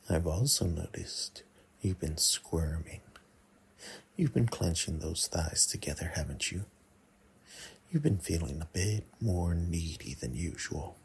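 A man in an intimate ASMR role-play, murmuring breathily right into the listener's ear, coaxing and teasing with many pauses. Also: sits low, a little mellow, a little hiss or hum. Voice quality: breathy, husky. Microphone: close mic.

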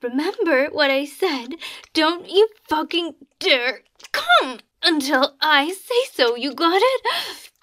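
Woman voicing a very high-pitched, bossy goblin maid. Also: sing-song, slow pace, sharp tone, heavily acted. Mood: demanding, gloating. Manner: taunting, commanding, breathy sighs and gasps. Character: small bossy crude female goblin hotel maid, domineering. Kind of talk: adult audio role-play, addressing the listener.

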